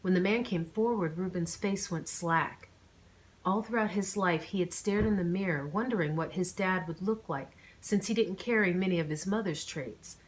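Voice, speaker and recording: On a low-quality recording, a woman speaks at a moderate pace in a fairly low voice. This author, who also runs a channel, gives a chatty vlog intro and then reads her own novel, keeping an informal storytelling tone.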